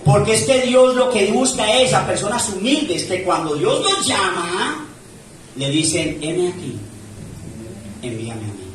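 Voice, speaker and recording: High-voiced preaching man, echoey hall. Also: sing-song, unhurried, a bit bright, a little hiss or hum. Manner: preaching with rising and falling emphasis, reads scripture aloud. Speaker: pastor. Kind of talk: sermon. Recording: echoey church room from far off.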